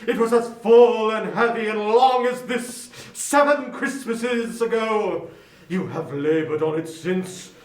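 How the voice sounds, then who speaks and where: Jacob Marley, high-pitched wailing tormented ghost. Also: male voice. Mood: mournful, weary. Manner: declamatory, drawn-out, anguished. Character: tormented male ghost of a dead businessman, wailing in remorse. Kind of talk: dramatic reading of a classic ghost story. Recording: echoey room sound.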